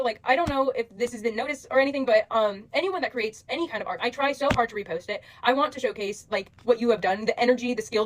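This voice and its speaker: A young woman casually addressing her followers as a social media creator, rambling and gushing with lots of fillers. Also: sits high.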